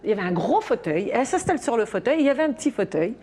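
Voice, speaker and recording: A woman on a radio show, telling a parenting story in an animated way and acting out a little girl's voice. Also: fairly high pitch, racing, slightly rough. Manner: animated storytelling, acts out a child's voice. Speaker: parenting columnist.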